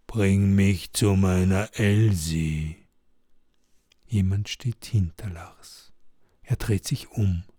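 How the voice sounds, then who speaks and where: A man's voice: medium pitch, dark tone, no echo, clean studio sound. A man narrating a simple ghost story for learners in plain, short sentences.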